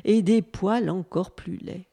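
A woman reading a storybook aloud and voicing a deliberate emu who drawls his answers disdainfully. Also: mid-range voice, vocal fry, dark tone.

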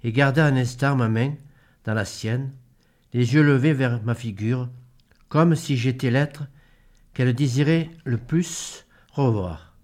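A man's voice: medium pitch, a little slow, a little mellow. A man reading a novel aloud in first person, trading passages with a female reader. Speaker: audiobook reader. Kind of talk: read-aloud literary narration.

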